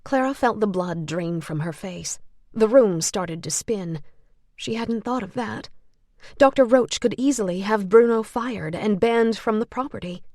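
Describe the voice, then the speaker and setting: A woman's voice: mid-range voice, measured pace, darkish tone, no room sound. Woman narrating a novel, dry close sound. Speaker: audiobook narrator.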